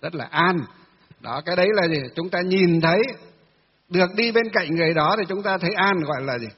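A man's voice: high voice, brisk, breathy edge. A man, a Buddhist monk, giving a chatty dharma talk to a temple audience, asking questions and answering them himself with many filler sounds. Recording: dull distant reverberant hall recording.

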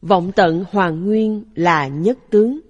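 A woman reading a Buddhist dharma talk aloud in a calm, even, measured way. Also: on the low side, slightly rough, dull audio. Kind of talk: slow read-aloud Buddhist sermon. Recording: long hall reverb.

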